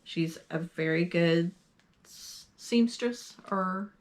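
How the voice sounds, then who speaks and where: A woman from Texas co-hosting a casual podcast, chatting slowly with frequent ums and trailing sentences. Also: lowish voice. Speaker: podcast co-host. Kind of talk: casual knitting podcast chat.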